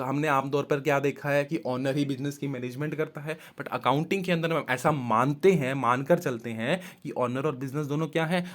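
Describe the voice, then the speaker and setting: Male accounts teacher, mid pitch, lectures by posing and answering his own questions. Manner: asks questions and answers them himself; mixes English terms into Hindi. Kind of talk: classroom lecture.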